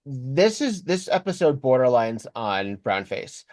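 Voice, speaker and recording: A man's voice: mid-range voice, very animated, a little slow, darkish tone, dry recording. Brief: male co-host, analytical wry recap talk, dry close-mic sound. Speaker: podcast co-host. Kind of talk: casual episode recap chat.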